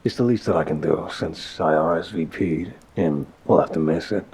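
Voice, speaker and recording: In an intimate, apologetic ASMR audio roleplay, a man plays a mafia boss on a private call with his partner, using a low-pitched, heavily husky full character voice. He comes across as gentle and protective, picking his words with hesitant pauses.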